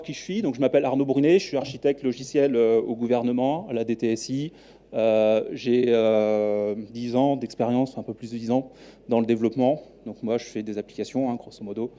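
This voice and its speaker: A man in his thirties with a French accent gives a live talk to a meetup crowd. His voice is very dark and mellow, sitting at a middle pitch. He speaks in a relaxed, hesitant way, full of fillers and restarts. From New Caledonia. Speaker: software architect giving a meetup talk. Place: meetup room.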